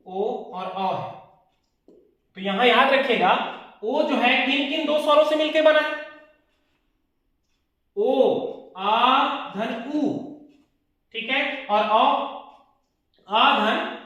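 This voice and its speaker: Bright-voiced male teacher in an echoey room. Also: very high-pitched. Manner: asks questions and answers them himself, repeats key points. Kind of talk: classroom grammar lesson.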